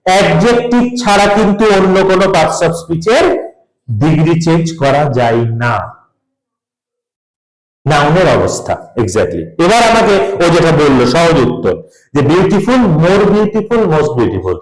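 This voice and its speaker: A man's voice: on the high side, big pitch swings, measured pace. A male teacher, quizzing his students through a grammar lesson and drilling spellings aloud. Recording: roomy echo.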